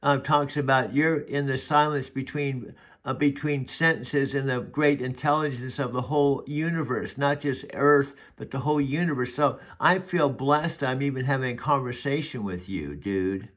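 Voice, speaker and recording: A man's voice: mid-range voice, a bit bright. A man in his seventies chatting casually as host, rambling and restarting his sentences often. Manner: rambling, halting with frequent restarts. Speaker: vlog host. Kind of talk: casual chat.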